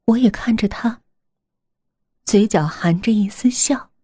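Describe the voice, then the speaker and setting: A woman narrating a horror story in a hushed, breathy voice that often drops to a whisper, recorded close to the mic. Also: mid-range voice, a little slow, no room sound.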